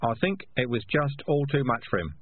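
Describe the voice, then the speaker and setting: A man voicing a steady, loyal rat lieutenant in a storybook reading, close to his own voice. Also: mid-range voice, fairly quick, husky, phone-quality sound, voice pushed up. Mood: calm.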